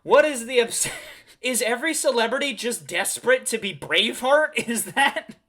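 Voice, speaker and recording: A man's voice: extremely high pitch, moderate pace, pushed and bright. A man hosting a comedy commentary show, talking sarcastically and mocking what he reads, laughing often. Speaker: comedy host.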